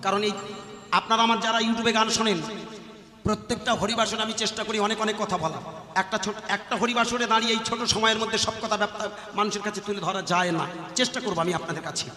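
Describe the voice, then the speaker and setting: High bright-voiced Bengali kirtan preacher. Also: male voice, steady tone, fast talker. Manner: rhetorical, questions the audience constantly. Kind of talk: devotional kirtan sermon with call and response. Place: stage before a live audience. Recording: echoey hall with music behind.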